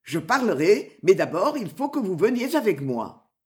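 A woman's voice: mid-range voice, sing-song, moderate pace, natural voice. A woman doing a mocking bearded outlaw. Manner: mocking, boastful, menacing.

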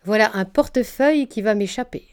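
A woman's voice: a little high, a little fast, clear, resonant tone, natural voice. A woman reading the lines of an ambitious male government minister, formal and composed. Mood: vexed.

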